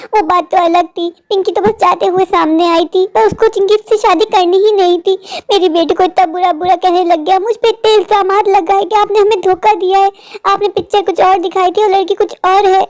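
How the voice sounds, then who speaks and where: Cartoon mom, woman voicing: widowed, protective, high and rushed. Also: steady tone, a little mellow. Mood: worried. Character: worried loving widowed mother of two daughters. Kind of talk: cartoon storytelling.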